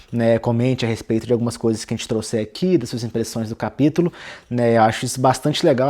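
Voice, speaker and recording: Mellow-voiced Brazilian man teaching literature. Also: mid-range voice. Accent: Brazilian Portuguese. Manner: conversational, peppers sentences with "né" and "tá". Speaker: literature channel host. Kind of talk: casual book-reading lesson.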